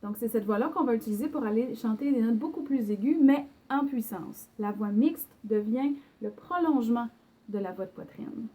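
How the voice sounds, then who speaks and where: Young québécois woman, singing teacher, chatty online lesson, pitch a bit high. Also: normal speed, mellow, breathy edge. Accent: Québécois French. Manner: explanatory, with sung examples and fillers.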